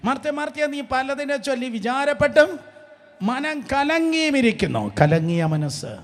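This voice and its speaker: A middle-aged preacher from Kerala with a high voice delivers an emphatic sermon. He leads his congregation in call-and-response and keeps mixing English words into his phrases. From Kerala, India. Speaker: pastor.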